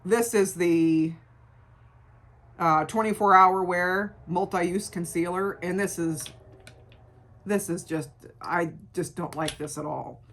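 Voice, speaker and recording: Gravelly-voiced middle-aged woman, lowish. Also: takes it slowly, a bit bright. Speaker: beauty vlogger. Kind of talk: casual product review chat.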